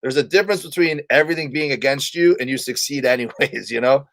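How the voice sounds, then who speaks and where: Animated storytelling comedian, dry sound. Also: male voice, medium pitch, fast, creaky, no room sound. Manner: animated storyteller acting out quotes. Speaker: comedian guest. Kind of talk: storytelling interview chat.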